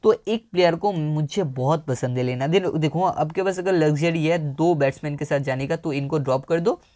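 A man offers fantasy cricket team advice in a laid-back analysis aimed at viewers, filling his speech with frequent fillers. His voice is fairly high and mellow, at a normal speed, captured on a home mic.

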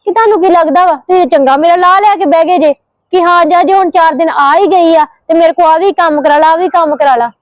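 A young woman playing a sharp-tongued, scheming sister-in-law in a short home drama, talking back indignantly. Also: very high-pitched, no echo, poor audio. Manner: rapid, retorting, indignant. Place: home, indoors.

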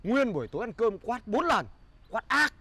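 An actor playing a loud, scolding friend in a comedy short. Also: male voice, very high voice, sing-song, normal speed, husky, no echo, full character voice. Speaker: friend spying on a cheating wife. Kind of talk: comedic short-film acting.

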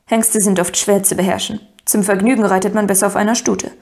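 A woman reading an audiobook, voicing a good-humored young king who explains things calmly and patiently. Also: medium pitch, fairly quick, natural voice.

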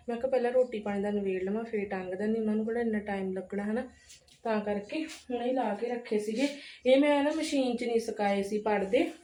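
A woman's voice: a little high, dark tone. A woman with a Punjabi accent chatting casually and colloquially, as in a homemaking vlog. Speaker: home vlogger and mother. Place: echoey room at home. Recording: echoey room with faint noise.

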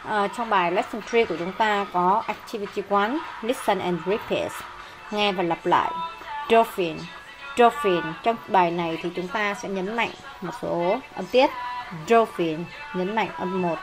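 A woman with a Vietnamese accent leads a children's English lesson. She reads English phrases slowly and translates each one, in a mid-range voice. Soft music plays faintly behind her. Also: mid-range voice, poor audio. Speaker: English teacher. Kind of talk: explaining a textbook lesson.

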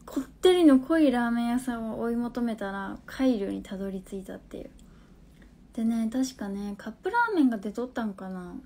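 A woman in her twenties with a Hakata accent from Fukuoka speaks in a slightly high voice, chatting casually into her phone during a live stream. She reads viewers' comments aloud and responds, sometimes dropping into soft, almost whispered asides. Her delivery is animated and a little fast, with a faint hiss or hum in the audio.

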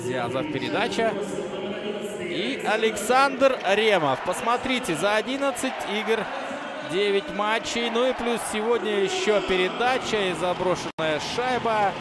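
A man commentating live on ice hockey, with excited goal calls. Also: high voice, a little slow, a loud crowd. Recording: very noisy arena, loud background ambience.

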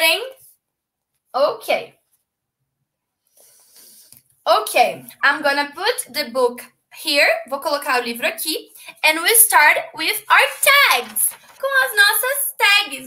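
A woman teacher tells a children's story, switching between two languages line by line. Her voice is very high, bright and swooping. She speaks slowly and throws in dramatic gasps. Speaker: English teacher. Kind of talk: bilingual storytelling lesson.

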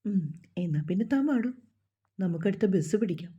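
A gentle, reassuring young man, as a woman reading a story puts him on. The tone is warm and husky, and the recording is dull. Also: mid-range voice, animated, normal speed. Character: Vishnu, calm kindly young man.

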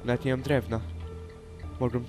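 A man's voice: mid-range voice, little pitch movement, normal speed, natural voice. A man playing a nervous, loyal young hermit exploring in a Minecraft role-play, talking to himself as he goes. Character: young male hermit adventurer, anxious but loyal. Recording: loud game music behind.

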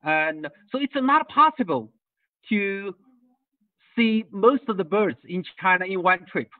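A man's voice: high-pitched, lively intonation, unhurried, no room sound, distant mic. A man from Tibet giving an online lecture on birding tours, hesitant, with many fillers and restarts, heard over a video call. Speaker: guest speaker on birding tours. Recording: tinny video call audio, set back from the mic.

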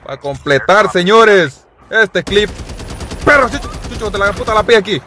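A young man giving live gameplay commentary, excitable and full of profane slangy banter aimed at his viewers. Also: high voice, normal speed. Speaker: gaming streamer.

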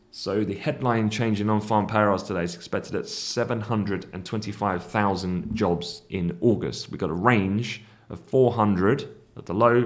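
A man in his thirties delivers a market briefing in a deep, low voice. He explains things in a brisk, conversational way, with plenty of ums and restarts. He is seated at a desk in a small room, speaking to a webcam. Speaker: market analyst.

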